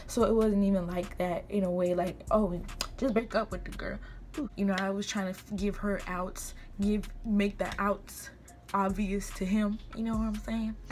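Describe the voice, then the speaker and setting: A young American woman telling a casual, gossipy story in a chatty, informal way, acting out bits of dialogue. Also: mid-range voice. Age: young adult. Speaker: vlogger. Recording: clear background room noise.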